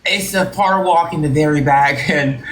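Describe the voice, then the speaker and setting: A live-stream host playing a company boss in improvised comedy, talking in a mock-formal, drawn-out way. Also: mid-range voice, slight background noise. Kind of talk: improvised comedy role-play with callers.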